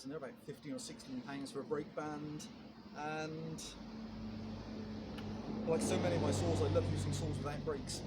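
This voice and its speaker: A man's voice: fairly high pitch, very noisy. Man chatting about his chainsaw. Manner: relaxed, rambling with fillers and restarts. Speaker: chainsaw vlogger. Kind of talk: casual product review.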